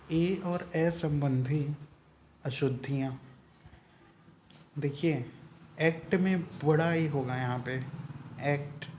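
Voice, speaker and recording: A man's voice: a little high, darkish tone, a little hiss or hum. A man teaching an exam-prep Hindi spelling lesson, explaining each word letter by letter.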